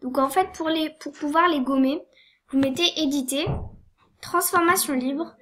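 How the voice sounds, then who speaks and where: A woman's voice: high-pitched, moderate pace, a bit bright. A young woman with a cold walks through a tutorial, hesitant, with many fillers and apologies. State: sniffly with a cold. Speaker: tutorial maker. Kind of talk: screen-recorded game tutorial.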